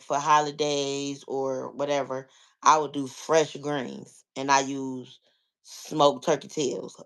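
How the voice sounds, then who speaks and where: An American vlogger talks in a loose, conversational way, as if chatting with listeners. The speech explains things step by step in a casual register, circling back and padding phrases with "like" and "you know." The pitch sits in a middle range between typical male and female voices. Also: fairly bright tone. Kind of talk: casual chat, answering listeners.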